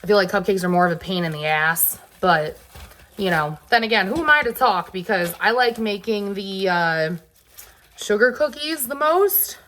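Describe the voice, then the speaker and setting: At normal speed, a medium-pitched woman with a fairly bright tone and lively intonation shows off her groceries in a vlog. Her Southern US accent comes through as she rambles chattily, with loose fillers and asides. She's sniffly from allergies, hot and sweaty.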